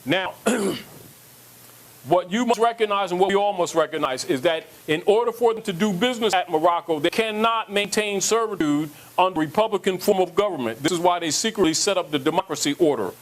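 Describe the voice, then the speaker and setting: A man's voice: high voice, expressive, brisk, poor audio. A man giving an emphatic lecture to an audience, repeating points and asking rhetorical questions.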